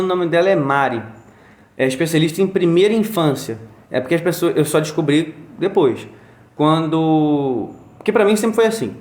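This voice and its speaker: Guy in his 30s telling a family story, a bit high voice, sounds echoey. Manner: animated, acts out sounds and quotes. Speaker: guest, father. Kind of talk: casual conversational storytelling. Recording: roomy echo.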